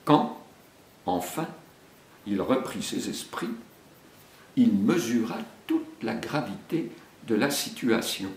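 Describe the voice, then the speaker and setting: A man reading a children's story aloud at an unhurried pace, with a voice that rises and falls expressively. His pitch sits in the middle range, and the room gives his voice a clear echo. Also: very animated. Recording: echoey room.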